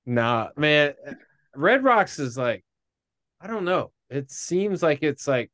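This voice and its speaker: A man co-hosting a casual podcast chat, asking questions in a laid-back, drawn-out, jokey way. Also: a little high, big pitch swings, a bit bright, dry recording.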